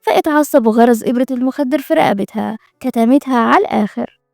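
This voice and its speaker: A woman's voice: on the high side, fast, creaky, a little mellow, no room sound, clean studio sound, faint music behind. A woman with an Egyptian accent narrating a drama recap in a colloquial storytelling way with wry asides. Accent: Egyptian Arabic.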